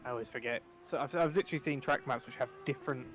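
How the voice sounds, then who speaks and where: A man's voice: mid-range voice, racing. A man giving live commentary on an online endurance race, rambling and correcting himself as he talks. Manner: rambling, self-correcting, chatty. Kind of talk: live sim racing commentary.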